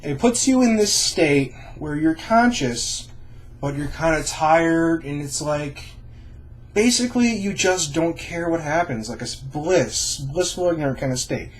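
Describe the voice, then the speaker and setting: A man's voice: fairly high pitch, animated, a little slow. A young adult man talking informally and reassuringly to camera, explaining things in a casual vlog style. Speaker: vlogger sharing own surgery experience.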